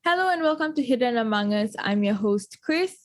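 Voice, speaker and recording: A young adult woman with a lisp hosting a podcast, chatting in a lively, expressive way with quick asides. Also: on the high side, soft background music. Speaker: podcast host. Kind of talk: casual chat.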